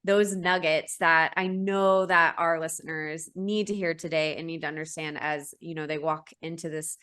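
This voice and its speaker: A woman's voice: low-pitched, steady tone, moderate pace, fairly bright tone, clear, resonant tone. A woman hosting a podcast interview, chatting casually and affirming her guest. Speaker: podcast host.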